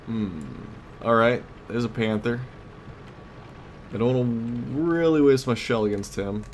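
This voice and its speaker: His voice mid-range and a bit slow, a male gamer narrates his let's play series casually, thinking aloud in clipped tactical observations. Battle and vehicle sounds from a tank game are clearly audible behind him.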